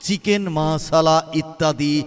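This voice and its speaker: A man gives an upbeat, inviting promotional announcement over a loudspeaker. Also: a little slow, smooth, in a large hall, soft background music. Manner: upbeat inviting sales pitch. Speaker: advertisement announcer.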